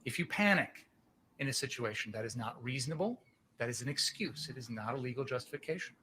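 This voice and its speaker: A man's voice: medium pitch, animated, quick pace, bright, forceful tone, a little hiss or hum. Passionate male prosecutor delivering a closing argument. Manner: passionate, emphatic, rhetorical questions and repetition. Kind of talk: courtroom closing argument to a jury.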